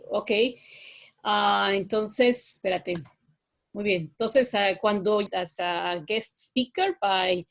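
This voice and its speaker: Slow, hesitant Guatemalan woman lecturing. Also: mid-range voice, low-quality recording. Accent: Guatemalan Spanish. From Guatemala City. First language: Spanish. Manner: halting, many filler sounds. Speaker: guest speaker. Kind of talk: online guest lecture.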